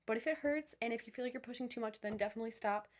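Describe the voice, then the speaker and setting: A young woman who leads viewers through vocal warm-ups, encouraging and upbeat, with many fillers and restarts. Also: a little high, very fast, slight background noise. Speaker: voice teacher. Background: piano.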